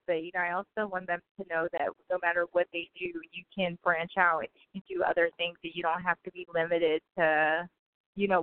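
A woman in her thirties from Guyana, a physician talking about her career as an interview guest, chatty with frequent laughs and ums. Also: fairly low pitch. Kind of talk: casual interview answers. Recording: tinny phone-like line.

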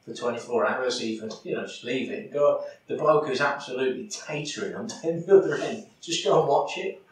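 A man's voice: medium pitch, fairly quick. A man chatting casually about fishing, full of fillers and restarts. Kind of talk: casual chat about angling. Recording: echoey, far from the mic, faint background noise.

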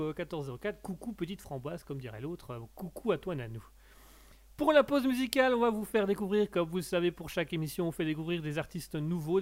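High-voiced French-speaking man hosting a live show. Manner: rambling, frequent restarts and stammered repeats. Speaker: live show host reading chat. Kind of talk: casual live-stream chat.

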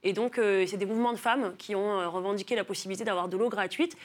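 Her voice sits in the mid-range with a steady tone, and she talks fast. The speaker, a Marseille-born philosopher and author, is being interviewed in a studio as a talk show guest, explaining her thinking in a reflective manner full of "euh" hesitations.

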